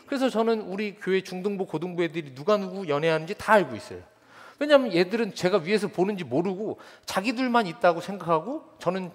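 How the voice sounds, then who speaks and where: A male pastor delivering a sermon, telling animated stories and mimicking children and teenagers. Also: high voice, breathy edge. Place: church sanctuary. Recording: reverberant church hall.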